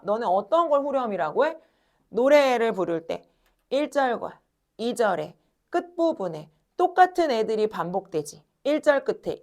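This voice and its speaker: A woman teaching a classroom lecture, talking straight to her students, asking questions and answering them herself, and stretching words slowly when she demonstrates. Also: fairly high pitch. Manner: animated, addresses students directly, asks and answers own questions.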